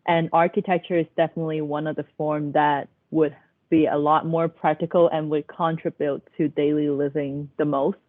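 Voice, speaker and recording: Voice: medium pitch, flat delivery, normal speed, no echo. A young adult student talks through a thin, phone-like video call line. The delivery is earnest and thoughtful, with a few hesitant fillers. The sound is dry and close, with no room around it. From Hong Kong. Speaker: architecture student. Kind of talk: panel discussion answers.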